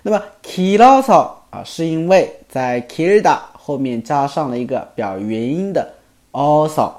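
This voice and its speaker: A man recording an audio language lesson as the teacher. He speaks patiently, repeats example sentences slowly, and ends his phrases with soft, drawn-out particles. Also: on the high side, animated.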